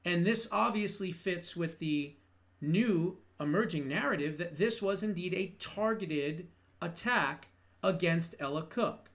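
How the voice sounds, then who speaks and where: A man's voice: sits high, a little slow, a bit bright. A middle-aged man hosting a political commentary show, talking in an emphatic, sarcastic way with mocking rhetorical questions.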